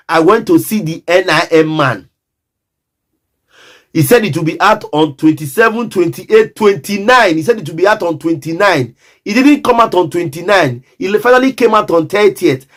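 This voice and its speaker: Speaking straight to the listener much of the time, a Nigerian man recounts something from his own life in a relaxed monologue. He repeats himself and stresses his points, and his voice is a little high.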